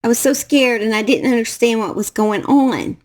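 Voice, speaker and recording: Halting Southern woman telling her story. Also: fairly high pitch. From Southern United States. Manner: halting, repeats phrases, emotional. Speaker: true crime YouTuber. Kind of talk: personal storytelling to camera.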